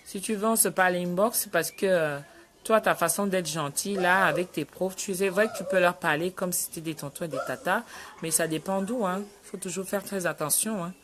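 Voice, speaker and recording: Brief: middle-aged woman live-streaming from home, chatty and lively, reads out viewer names. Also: fairly low pitch, moderate pace, noisy background. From Cameroon. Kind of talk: casual live chat reading viewer comments.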